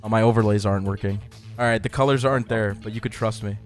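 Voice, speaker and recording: A man streaming a video game in casual chat, excitable and swearing casually, who is losing his voice. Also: on the low side, fast talker. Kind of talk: casual let's-play chat. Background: game music.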